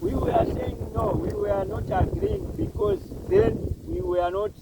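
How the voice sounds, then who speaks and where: A man interpreting an interview outdoors, translating in halting phrases. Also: sits high, wildly swooping pitch, creaky. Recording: windy outdoor recording, distant mic, boat noise.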